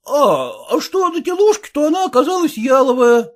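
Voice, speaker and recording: Drawling hungover young peasant man, very high and swooping, as a male reader puts him on; storybook role. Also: big pitch swings, normal speed. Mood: reading haltingly. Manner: drawling, grumbling.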